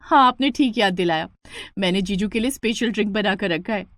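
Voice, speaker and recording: A woman's voice: medium pitch, a little fast, fairly bright tone, dry recording, clean studio sound, lightly acted. A woman voicing a vain, lovestruck young woman in a storybook cartoon, petulant and coquettish. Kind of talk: storybook narration.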